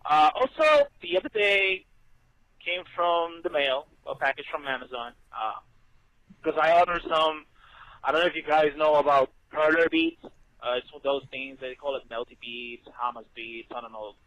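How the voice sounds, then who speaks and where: A man's voice: fairly high pitch, expressive, normal speed, fairly bright tone, no room sound, poor audio. A tired man leaving a casual voice message from a moving car, played back through a speaker, swearing freely. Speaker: listener calling in with a voice message.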